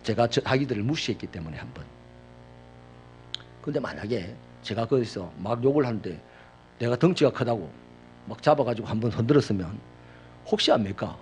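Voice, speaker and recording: A male pastor preaching a sermon, telling personal stories dramatically, swinging from loud outbursts to hushed asides. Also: medium pitch, lively intonation, a little fast, pauses often, a little hiss or hum.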